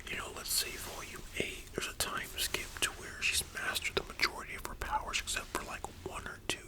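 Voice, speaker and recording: A person in a whispered role-play as a librarian, speaking in a soft, breathy library whisper in a rambling, informal, opinionated way. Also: fairly quick. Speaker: ASMR performer.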